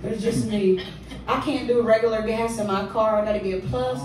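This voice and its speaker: This woman's voice is on the high side, fairly quick, with fairly even intonation. As the featured poet in a small living-room venue, she delivers spoken word rhythmically and emphatically, with relaxed stage banter between pieces. A distant mic captures lots of room echo and a faint hum.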